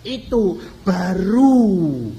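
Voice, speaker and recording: A man's voice: high voice, sing-song, extremely slow, dark tone. A male pastor from Indonesia, preaching a sermon with dramatic swings in volume.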